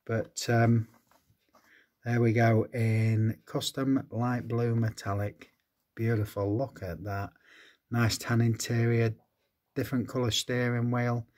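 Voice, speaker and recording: A man's voice: medium pitch, level tone, slow, darkish tone. Enthusiastic man unboxing. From England. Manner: enthusiastic, fond exclamations. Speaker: host of a diecast collecting channel. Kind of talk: casual unboxing chat.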